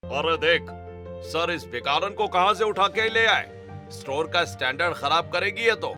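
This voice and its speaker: A man voicing a snide, high-voiced store worker. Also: animated, measured pace, over music. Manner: snide, bossy. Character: snobbish male pizza store staffer.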